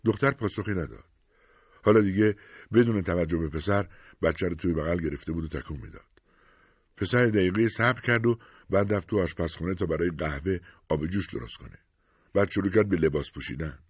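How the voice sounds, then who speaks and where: A man calmly narrating a short story in an audiobook, measured and even. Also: sits low, breathy edge, no room sound. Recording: dull dry recording.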